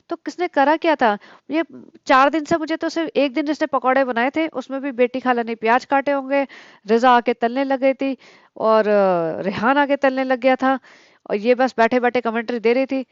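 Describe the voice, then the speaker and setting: Sarcastic, scolding woman vlogger, high voice. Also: clear, resonant tone, no echo, lo-fi sound. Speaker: gossip commentary vlogger. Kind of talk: critical commentary on other vloggers.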